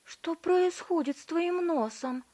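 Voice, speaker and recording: A woman's voice: very high-pitched, slow pace, dark tone, voice pushed up. A woman voicing a doting, fussy mother who coos and gushes over her daughter. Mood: doting, alarmed. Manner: cooing and gushing, then alarmed.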